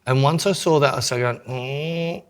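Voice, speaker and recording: A man's voice: a little high, steady tone, moderate pace, smooth. A man with an Australian accent co-hosting a podcast, chatting casually in a rambling way. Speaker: podcast co-host.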